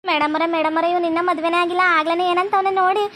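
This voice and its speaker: A woman's voice: very high-pitched, fairly even intonation, racing, sharp tone, a little hiss or hum. A woman voicing an aggrieved young village woman, complaining tearfully. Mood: tearful complaint.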